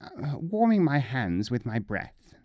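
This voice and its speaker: A man's voice: mid-range voice, big pitch swings, slow pace, dark tone, dry recording, clean studio sound, pitched above the performer's own voice. A man voicing a cheerful, boastful wandering mullah in a storybook, chatty and breezily self-assured. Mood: matter-of-fact.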